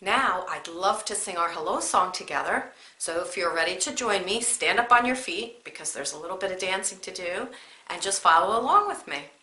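A young woman leads a children's story time with a bright, clear voice, pitching her words in a lively sing-song. She speaks slowly and encouragingly, as if to small children. The room around her has a noticeable echo. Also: a little hiss or hum. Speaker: children's librarian. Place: library room. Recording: echoey room.

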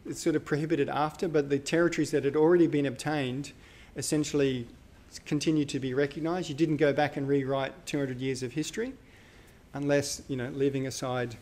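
Lecturer, male, slightly high voice, chatty and self-correcting. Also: steady tone, normal speed, a little mellow. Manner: conversational, thinks aloud with fillers and self-corrections. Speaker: university lecturer. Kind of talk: live university lecture.

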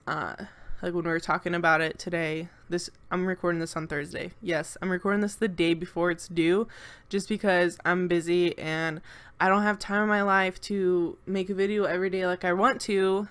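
A young woman who co-hosts a channel talks casually and nervously over a game build at home, rambling with plenty of fillers. Her nose is congested and stuffed-up, yet her fairly low voice comes across a bit bright and clean.

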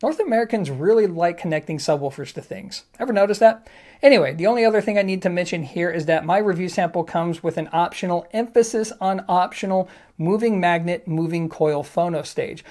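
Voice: medium pitch, fairly quick, darkish tone. A channel host narrating a scripted review of audio equipment in an upbeat, casual way, with jokey asides to the viewer.

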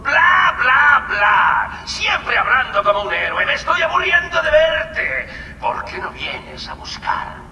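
A man's voice: extremely high pitch, wildly swooping pitch, slow, lo-fi sound, background noise, full character voice. An actor voicing a manic, mocking male clown villain in a video game dub, taunting like a theatrical showman. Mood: taunting, bored. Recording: echoey, distant, loud music behind.

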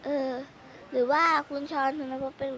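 A woman's voice: high voice, little pitch movement, normal speed, a bit bright. A woman voicing a polite young student, a girl passing as a boy, in a one-person voice drama, courteous and eager to help.

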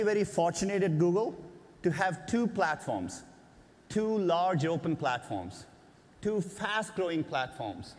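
Keynote presenter, man, 40s, slightly higher voice, measured and earnest delivery, long hall reverb. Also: a little mellow. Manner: measured, earnest, with occasional "uh" fillers. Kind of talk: keynote speech. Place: large conference stage before an audience.

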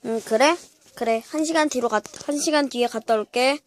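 High-voiced female home-video host. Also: fairly quick, a little hiss or hum. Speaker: host of a homemade pet video. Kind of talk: casual comic interview with a pet.

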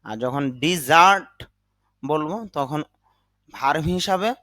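A man teaching English vocabulary, saying each word slowly, sometimes twice, then giving its meaning. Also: fairly high pitch, animated, a bit bright. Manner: repeats words slowly, then gives the meaning. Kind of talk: slow vocabulary lesson.

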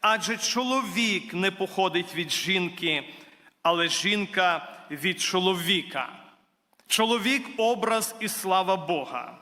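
A man's voice: sits high, expressive, a little slow, sharp tone. A man preaching a sermon in church, earnest and building to emphatic declarations, addressing his listeners as brothers and sisters. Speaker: guest preacher. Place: church hall. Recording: reverberant church hall.

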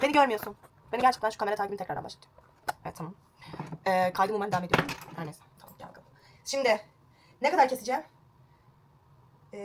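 Here the same kind of casual haircut vlog plays out at home, a young woman talking chattily and mocking herself into a phone. She pitches fairly high with a fairly bright tone, and there's slight background noise.

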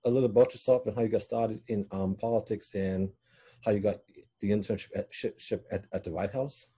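A man from Boston hosting a video call interview, halting and repeating his words as he asks questions. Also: fairly low pitch, fairly even intonation, dark tone, slightly rough. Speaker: host. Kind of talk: casual interview. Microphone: video call webcam.

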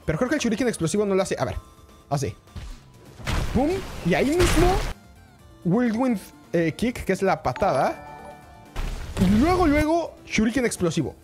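A man giving chatty, excitable live commentary while he plays a game and keeps greeting his chat. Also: high voice, moderate pace, long pauses, music in the background. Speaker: gaming streamer. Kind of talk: live-streamed gameplay commentary.

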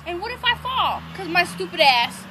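A woman's voice: very high-pitched, very animated, moderate pace, bright, forceful tone, slight background noise, rough recording. A woman on an outdoor playground, dramatic and whiny in casual chat, swearing as she goes. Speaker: friend on the playground.

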